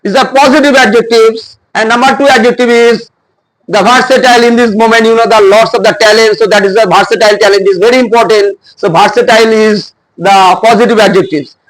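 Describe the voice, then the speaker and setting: A man teaches a spoken class in a very high voice. His delivery is halting, with words repeated and corrected as he goes. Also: steady tone, low-quality recording. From India. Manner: halting, repetitive phrasing with self-corrections. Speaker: English teacher. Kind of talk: spoken English lesson.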